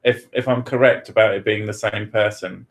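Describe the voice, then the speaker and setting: A British man hosting a podcast answers questions in a lowish, steady voice at a moderate pace. The chat is casual, full of jokes, free swearing and frequent laughter.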